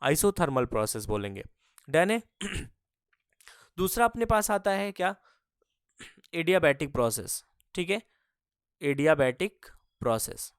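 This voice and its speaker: In a mid-range, sing-song voice, a physics teacher delivers a classroom-style lecture at an unhurried pace with long pauses. The tone is clean, with no echo and clean studio sound. He keeps posing questions and answering them himself, repeats every key term, and calls the students kids.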